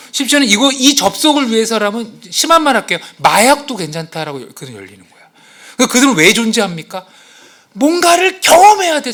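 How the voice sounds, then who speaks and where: A male pastor preaching a sermon to his congregation in a church, acting out quotes and asking the listeners questions. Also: very high voice. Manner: animated, acts out quotes and exclamations. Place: church sanctuary.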